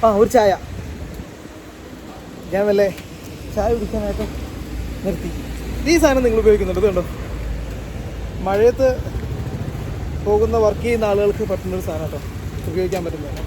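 A man's voice: high voice, fairly quick, long pauses. A man with a Kerala accent chatting casually to viewers as a vlogger, mixing English words and phrases into his Malayalam with enthusiastic slang. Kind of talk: casual travel vlog chat. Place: outdoors by a road in rain. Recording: loud traffic, engine and rain noise.

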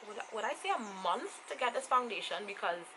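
A beauty vlogger in her twenties with a Trinidadian accent gives a casual makeup review to camera, her voice a little high, expressive and brisk. She's in a small indoor room, and the home camera recording is clearly noisy with ambient sound.

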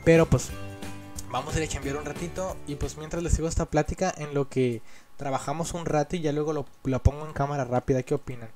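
A man's voice: fairly high pitch, steady tone, quick pace, over loud music. A man with a Mexican accent chatting casually over gameplay as a gaming YouTuber, rambling and complaining in an annoyed way.

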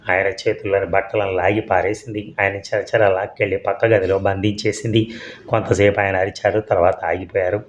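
A man narrating an audio story in a steady, unhurried read. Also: low-pitched. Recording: dull lo-fi audio.

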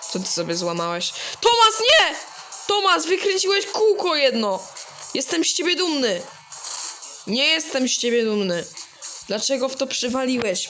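Excitable high-voiced male gamer. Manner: excitable, yells and pleads at the game character. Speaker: gaming YouTuber. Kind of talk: gameplay commentary.

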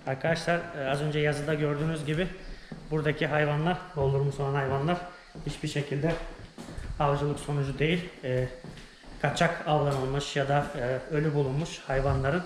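A man's voice: fairly high pitch, level tone, brisk. Young guy filming a museum walkthrough on a handheld camera, roomy echo, lots of noise. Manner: listing exhibits in short bursts. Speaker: travel vlogger. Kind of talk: casual guided walkthrough. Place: small museum exhibit hall indoors. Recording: echoey room, noisy background.

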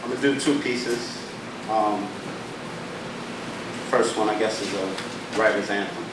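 A man performing his own spoken word poems at an open mic, with a rhythmic, rhyming delivery and dramatic pauses. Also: on the low side, fairly even intonation. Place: small poetry theater stage. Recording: echoey room, distant mic, background hum.

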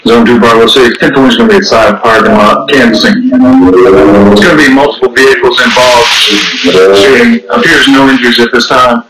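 A man's voice: medium pitch, normal speed. A man, a security officer, reporting over a two-way security radio in clipped radio codes. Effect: two-way security radio transmission. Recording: noisy, echoey, distant radio audio.

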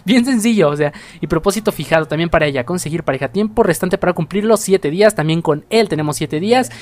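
A man's voice: high voice, expressive, fast talker. A man doing playful, chatty let's play commentary for a life-sim game, reading game text aloud and laughing often between lines. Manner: playful, chatty, swings between loud exclamations and murmured asides; laughs often while talking. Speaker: gaming YouTuber.

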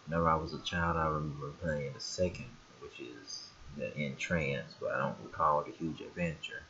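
A man's voice: very deep voice, fairly even intonation, moderate pace, pushed and bright, lo-fi sound, slight background noise. A man giving casual let's play commentary as host of a gaming video. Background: game music.

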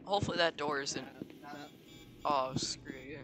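A man's voice: on the high side, a little slow. A teenage boy giving casual, joking gaming commentary while chatting with a friend. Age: teens. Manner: joking, rambling. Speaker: streamer. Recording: noisy game-audio background.

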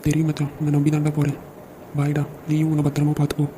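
A quick-talking young man in a cartoon, a caring brother and loyal friend, as a man voices him. His voice sits a little high but sounds very dark and mellow, and he talks with a brotherly, teasing ease. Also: monotone, a little hiss or hum, close to an everyday voice, rough recording. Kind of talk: cartoon dialogue acting.

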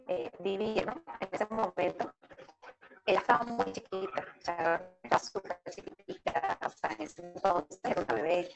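A woman speaking as an interview guest over a crackly, choppy call connection, soft-spoken and halting, often repeating her words. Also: medium pitch, vocal fry, muffled recording. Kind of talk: casual remote interview. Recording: noisy, crackly remote call line.

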